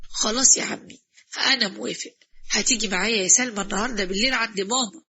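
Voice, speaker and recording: A woman's voice: medium pitch, very fast, crowd noise, natural voice. A woman voicing an irritable young husband with an Egyptian accent. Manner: snappy, complaining.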